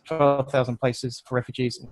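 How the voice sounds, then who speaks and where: Young male student presenter, flat monotone read, dry close sound, online call audio breaking up and cutting out. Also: mid-range voice, normal speed, dry recording. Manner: flat, even reading. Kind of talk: reading a prepared presentation.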